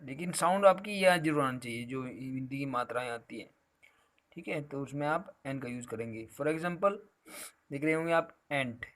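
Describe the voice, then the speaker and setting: A man's voice: medium pitch, moderate pace, fairly bright tone. A man teaching a grammar lesson, explaining patiently and calling his students "beta" again and again.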